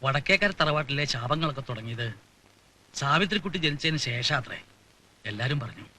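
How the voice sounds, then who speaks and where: A man's voice: mid-range voice, expressive, a little fast, pushed and bright. An actor playing a grieving uncle who speaks tenderly to his niece and turns indignant with family elders, in a film with a background score. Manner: earnest, reproachful, rising to indignation. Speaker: uncle figure, Unnimaman.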